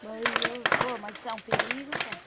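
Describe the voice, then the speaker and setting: A young speaker chatting casually and excitedly in slang while filming outdoors. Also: medium pitch, fast. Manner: slangy, exclaiming. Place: outdoors by a large bonfire. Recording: very noisy outdoor phone recording with clicks.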